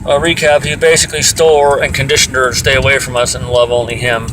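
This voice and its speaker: A man's voice: little pitch movement, fast. A man on an angry, exasperated swearing tirade, venting explosively in a casual personal rant. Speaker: aggrieved pet owner venting. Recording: distant mic, loud fan and outdoor rumble. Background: air vent fan, vehicle-like ambience.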